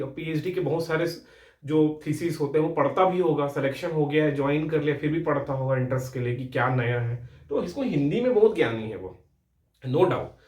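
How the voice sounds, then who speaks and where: A fairly high-voiced young man teaching an exam prep class, spelling sounds out patiently and checking in with students again and again. He sounds a little away from the mic, and the room gives his voice a noticeable echo. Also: recorded from a distance. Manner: explanatory, repeats words, frequent "ठीक है?" check-ins. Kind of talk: Hindi grammar lecture.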